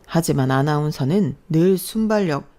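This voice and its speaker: A woman voicing a cautious middle-aged father, a news chief, speaking low and hesitantly in a storytelling radio drama. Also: expressive, moderate pace, warm tone. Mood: placating.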